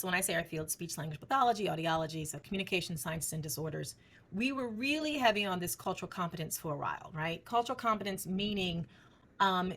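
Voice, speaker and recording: A middle-aged woman speaking as a researcher in an interview, with a slightly low-pitched voice. She talks in an animated, emphatic way, firing off rhetorical questions as she explains. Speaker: speech language researcher. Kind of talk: conversational interview answers.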